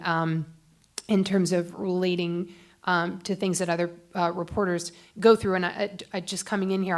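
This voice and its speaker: A woman's voice: fairly low pitch, creaky. A woman reporter speaking on a panel, telling a story in a chatty way with many fillers. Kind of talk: anecdotal panel talk.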